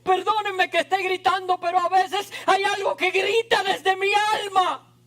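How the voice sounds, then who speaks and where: High-voiced man preaching slowly. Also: little pitch movement, a bit bright. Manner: impassioned, emphatic preaching. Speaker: pastor. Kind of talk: sermon. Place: church.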